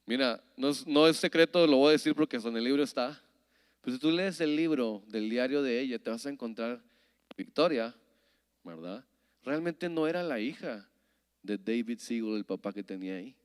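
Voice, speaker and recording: A man's voice: medium pitch, normal speed, clear, resonant tone, in a large hall. A man preaching a sermon and telling stories, often checking with his listeners by asking "¿verdad?". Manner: storytelling, keeps asking "¿verdad?" of the congregation. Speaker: pastor.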